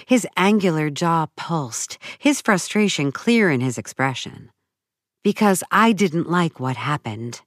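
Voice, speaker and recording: A woman narrating a first-person audiobook story in a measured, dramatic way. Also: deep voice, lively intonation, no room sound, clean studio sound.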